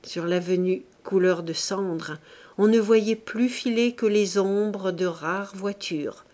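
A woman narrating a classic novel as an audiobook reader, in a measured, expressive reading. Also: medium pitch. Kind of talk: scripted narration.

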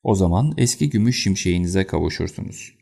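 A man reading as a calm, unruffled detective. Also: low voice, brisk, creaky, breathy edge, heavily acted. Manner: cool and unruffled. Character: calm, confident male detective. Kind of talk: audiobook character reading.

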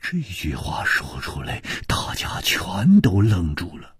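A man's voice: dry recording, clean studio sound. A man narrating a story in traditional storytelling style. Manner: slow, very animated pitch, husky.

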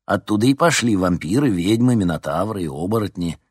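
A charismatic young history teacher who lectures with lively, engaging swings of pitch, as the narrator puts him on. Husky, slightly raised voice. Dry close recording. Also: male voice, brisk, dry recording.

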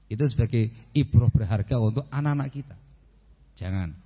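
A man giving a lively religious lecture on a radio program, often stopping to check that his listeners understand. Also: fairly low pitch, brisk, big-room sound, muffled recording. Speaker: Islamic preacher.

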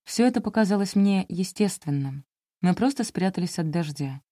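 A woman's voice: lowish voice, lively intonation, moderate pace, warm tone, dry recording, clean studio sound. A woman narrating a first-person audiobook in a confessional, intimate storytelling manner.

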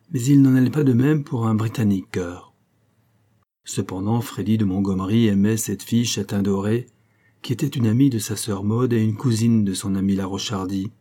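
Male audiobook narrator, mellow and slightly low, reads in steady measured phrases. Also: slightly rough. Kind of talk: audiobook reading.

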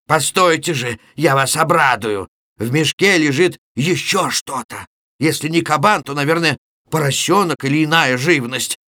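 A man reading aloud and voicing a gruff, boisterous middle-aged Cossack villager who exclaims loudly. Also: a little high, moderate pace, no echo, clean studio sound. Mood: blustering. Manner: loud exclaiming, blustering.

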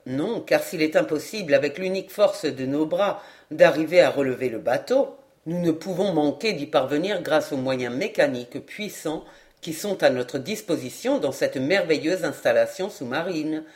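A young man from a storybook, steady and earnest, speaking a little lower than the narration, as a woman narrator puts him on. He reasons and encourages with calm resolve. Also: moderate pace.

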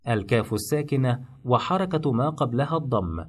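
A man narrates a scripted pronunciation lesson at an average pitch. He explains step by step in a measured, even way and pauses to demonstrate individual sounds. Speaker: phonetics teacher.

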